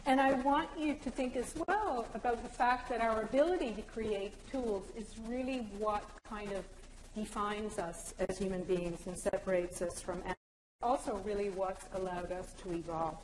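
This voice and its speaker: A woman from Newfoundland, Canada, gives a conference presentation at a moderate pace in a medium-pitched voice, explaining ideas and slipping in joking anecdotes. The hall is echoey, with a little hiss or hum.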